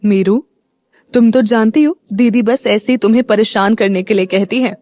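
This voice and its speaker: A woman narrator voicing a gentle, affectionate middle-aged aunt who smooths things over. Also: medium pitch, normal speed, no room sound, close to an everyday voice. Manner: soothing, affectionate.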